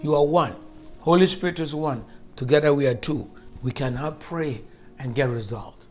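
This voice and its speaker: Preacher, fervent sermon and prayer, emphatic repetition, mid pitch, faint background music. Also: normal speed. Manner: fervent, emphatic, repeats phrases for stress.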